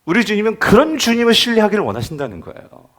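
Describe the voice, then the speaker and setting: A man's voice: sits high, sing-song, fast talker, a bit bright. A male pastor preaching a sermon in church, emphatic and often asking the congregation questions.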